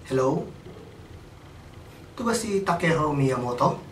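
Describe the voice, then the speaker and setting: A man's voice: a little high, lively intonation, a little slow. A young man making a teasing comedy phone call, mocking the other man. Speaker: comedy sketch caller. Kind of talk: comedic phone prank sketch. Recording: echoey room, mic at a distance, faint noise.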